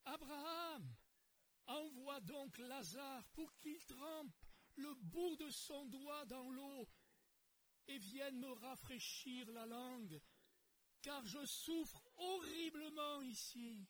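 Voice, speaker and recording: A man's voice: very high voice, slow, a bit bright, full character voice. A man voicing a suffering rich man who begs and cries out in anguish, in a dramatized Bible story. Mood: desperate pleading.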